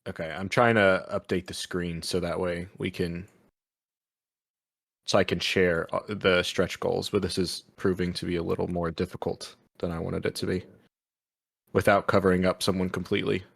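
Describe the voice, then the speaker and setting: A man hosting a casual chat, relaxed and offhand with wry verdicts. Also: sits low, moderate pace, gravelly, no room sound, clean studio sound. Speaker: host.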